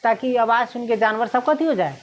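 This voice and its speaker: Casting note: fairly high-voiced woman teacher, retelling a story line by line in dialect. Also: lively intonation, a little fast. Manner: reads a line, then retells it in local dialect with frequent "है ना?". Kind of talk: explaining a Hindi story lesson.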